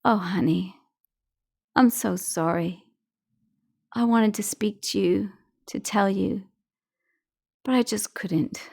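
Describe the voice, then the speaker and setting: A woman's voice: medium pitch, takes it slowly, creaky, pauses often, darkish tone. A woman voicing an older mother-in-law who speaks affectionately and soothingly. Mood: apologetic.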